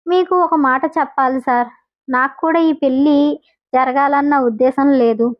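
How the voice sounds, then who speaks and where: A restrained, dignified young mother in an audio story, as a woman reader plays her in a high voice. She speaks calmly and politely, and the audio sounds dull and lo-fi. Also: normal speed, lightly acted.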